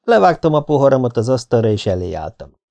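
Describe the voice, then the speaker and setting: A man narrates a gritty audiobook in a dry, laconic, hard-boiled way. His voice is mellow and warm, pitched at an ordinary male level, and he reads without hurry. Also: sing-song, gravelly. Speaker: audiobook reader. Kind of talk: first-person audiobook narration.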